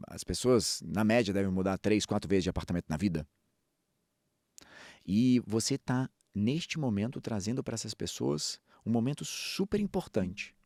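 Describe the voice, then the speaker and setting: A man who speaks and coaches public speaking, talking in a storytelling way, with lively jumps in pitch and pace. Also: no echo, clean studio sound. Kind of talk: podcast talk on public speaking.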